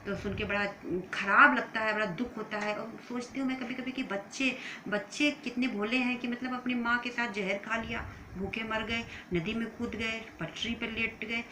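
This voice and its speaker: A woman's voice: fairly high pitch, fairly even intonation, normal speed, pushed and bright, a little hiss or hum, poor audio. A woman from India preaching a sermon with emotional, emphatic bursts.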